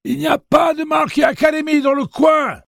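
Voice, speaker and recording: A man voicing a cantankerous, half-senile old man who calls out in a high, strained shout. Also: fairly even intonation, normal speed, vocal fry, dry recording, studio quality, heavily acted.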